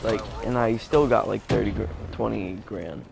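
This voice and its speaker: A man's voice: on the low side, normal speed, creaky, background noise. A young man giving live gameplay commentary as a gaming YouTuber, rambling with many fillers and restarts. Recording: gameplay gunfire loud behind. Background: game gunfire and explosions.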